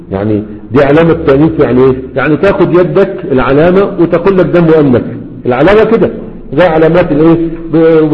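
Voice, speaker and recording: A man teaching a grammar lesson, who asks his students questions and answers them himself. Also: on the high side. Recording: dull lo-fi with long hall reverb.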